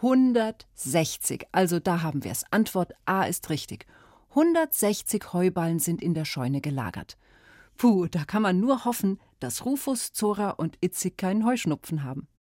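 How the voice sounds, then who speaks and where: A woman presents to children with a low but very animated voice, talking straight to the listeners as she sets up puzzles. The sound is dry and close. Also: normal speed, dry recording. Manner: animated, addressing listeners directly.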